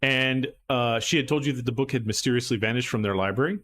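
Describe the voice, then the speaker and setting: A man's voice: medium pitch, quick pace, fairly bright tone, a little hiss or hum. A man acting as game master, recapping a tabletop horror game in a loose, rambling way full of fillers and restarts.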